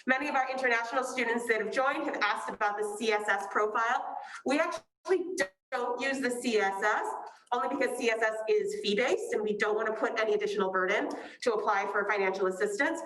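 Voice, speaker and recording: A woman's voice: on the high side, fairly quick, a bit bright. Woman hosting a video-call open house. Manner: friendly, hesitant with fillers. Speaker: admissions presenter hosting a virtual open house. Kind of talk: hosting a webinar. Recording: echoey room, faint noise.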